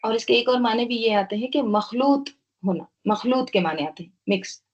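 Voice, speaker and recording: A woman teaching a Quran tafsir lesson, reciting Arabic verses slowly and explaining word roots step by step, often asking her own questions and adding "right?". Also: on the high side, expressive, dull audio.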